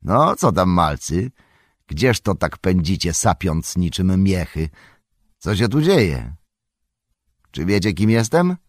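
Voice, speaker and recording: A man voicing Tom Bombadil, booming and merry. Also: sing-song, slow pace, long pauses, dry recording, studio quality, full character voice. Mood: jolly. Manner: booming, singsong, merry and bossy. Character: jolly, boisterous, bearded old forest spirit-man. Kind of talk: audiobook character voice.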